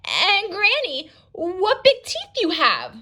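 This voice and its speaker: A woman's voice: extremely high pitch, wildly swooping pitch, takes it slowly, sharp tone, pitched above the performer's own voice, exaggerated voice. A woman voicing a sweet, trusting little fairy-tale girl, with an earnest, innocent way of speaking. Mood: nervous.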